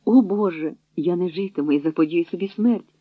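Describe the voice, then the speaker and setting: A sobbing young captive woman cries out high and breathless, as a narrator puts her on. The audio is thin and phone-like, and the sound is bone-dry. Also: fairly quick, dry recording, natural voice. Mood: despairing.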